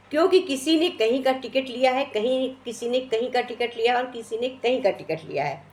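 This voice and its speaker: A woman giving a devotional sermon in Hindi, teaching through a parable whose characters she voices in turn. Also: a little high. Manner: retells a parable, voicing each character. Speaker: devotional speaker.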